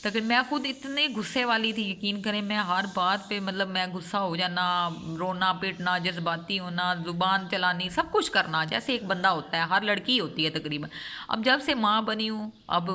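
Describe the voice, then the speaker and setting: A woman's voice: medium pitch, bright, forceful tone. A mother talking earnestly to her vlog audience, stressing her points with long runs of repeated phrases. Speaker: vlogger and mother. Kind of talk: heartfelt vlog monologue.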